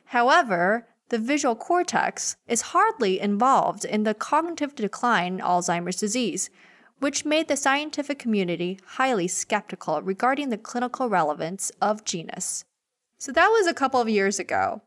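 A woman co-hosting a science podcast, reading a scripted introduction in a clear, read-aloud way. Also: fairly high pitch, big pitch swings, moderate pace, a bit bright. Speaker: podcast co-host.

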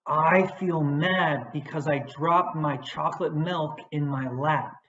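A woman voicing Cloud, a gentle young male cloud plush toy, in a plain, earnest way, on an echoey, dull recording. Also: low-pitched, slow pace.

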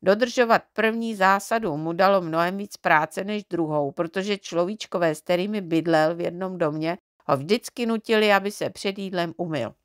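A woman reading a children's storybook aloud in an expressive, measured way. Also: on the low side, no echo, studio quality. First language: Czech. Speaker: audiobook reader.

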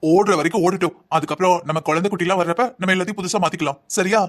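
Man playing a cartoon husband, thrifty, patient, lecturing, rapid-fire talk, higher voice. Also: natural voice. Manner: calm lecturing, explaining at length. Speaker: husband in a cartoon family drama. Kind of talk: Tamil cartoon voice acting.

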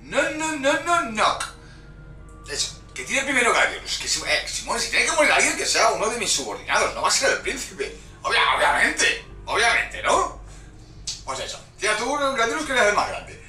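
A young man doing gameplay commentary, hyper and shouting with crude jokes. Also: high-pitched, sing-song, a little fast, recorded from a distance. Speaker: gaming YouTuber. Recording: roomy, off-mic, game music behind.

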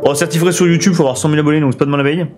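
A man's voice: on the high side, steady tone, racing, a little mellow, soft background music. A man streaming a building game, thinking aloud and chatting with his viewers in a casual way. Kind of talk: casual let's play commentary.

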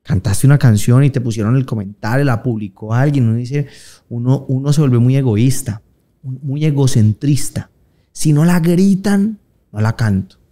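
A man in his thirties with a Colombian Paisa accent, chatting casually in an interview, slangy and relaxed, acting out the voices of people he quotes. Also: medium pitch, moderate pace. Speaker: interviewed singer.

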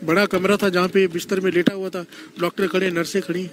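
A man preaching a devotional storytelling sermon, slow and deliberate, who keeps calling on the congregation to answer him. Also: sits high, little pitch movement, music in the background. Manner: call-and-response preaching, leads the congregation in responses.

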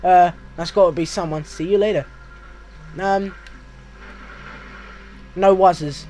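A man's voice: high-pitched, fairly even intonation, moderate pace, mellow, a little hiss or hum. A British man hosting a video game walkthrough, chatting casually in a rambling, self-mocking way. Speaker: gaming walkthrough host.

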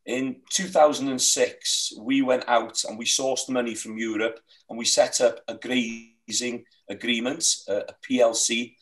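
The recording is rough, and the webcam on this video call is far from the speaker, a middle-aged Welsh-speaking sheep farmer from Wales. His medium-pitched voice stays steady and a little slow, with hardly any pauses. He talks about his hill farm with earnest, heartfelt passion, rambling and restarting.

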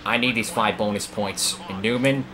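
A man commentating live over his own racing game career run, excitable and prone to sudden outbursts at other drivers and his car. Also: lowish voice, moderate pace, noisy background. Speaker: gaming YouTuber.

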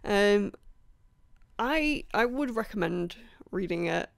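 A woman chatting casually about books she has read, rambling with many ums, apologizing and laughing softly, her voice a bit rough. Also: medium pitch, lively intonation, slow. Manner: apologetic, laughs between points. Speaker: book vlogger. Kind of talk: casual book review chat.

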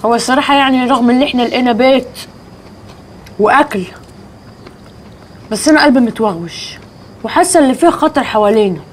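A woman's voice: high-pitched, fast, pauses often, slight background noise, lightly acted. An actress playing an anxious, nagging woman with an Egyptian accent. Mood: worried. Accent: Egyptian Arabic. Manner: worried, nagging.

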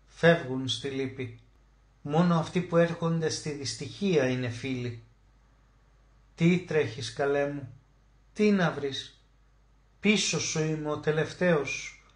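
A man narrating a literary short story as an audiobook, emotive, slowing down to stress key words. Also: on the high side. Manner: emotive, with slow drawn-out emphasis on key words. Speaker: audiobook reader. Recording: roomy echo.

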